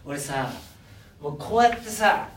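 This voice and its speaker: A man from Hokkaido who hosts a dance studio podcast, telling stories casually in an animated way, laughing and acting out the quotes. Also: high voice, a little slow, a crowd in the background. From Hokkaido, Japan.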